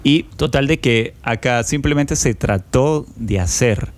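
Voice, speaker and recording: A man hosting a podcast, telling a childhood story in an unhurried, reflective way with frequent fillers. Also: mid-range voice. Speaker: podcast host. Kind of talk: personal storytelling monologue.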